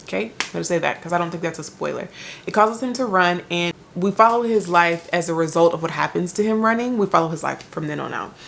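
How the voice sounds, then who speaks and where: A woman's voice: on the low side, fast, creaky, fairly bright tone, a little hiss or hum. A young adult woman reviewing books in a chatty vlog, rambling and correcting herself as she thinks aloud. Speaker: book vlogger.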